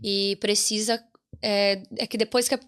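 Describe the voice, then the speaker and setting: A woman's voice: medium pitch, level tone, measured pace, a bit bright. A woman with a Brazilian Portuguese accent, a guest consultant patiently explaining a process step by step in an interview.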